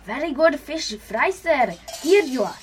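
A woman's voice: high voice, big pitch swings, a little slow, a little hiss or hum. A woman playing an eager, deferential Indian male tour guide with an Indian accent and polite broken English, in a comedy drama. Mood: cheerful, obliging.

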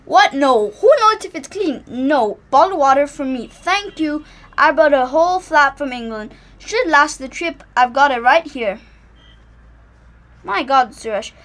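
A woman's voice: high-pitched, animated, a little slow, fairly bright tone. A woman playing a grumpy, fussy English father on holiday, complaining and exasperated, in an acted comedy drama. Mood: weary, wary.

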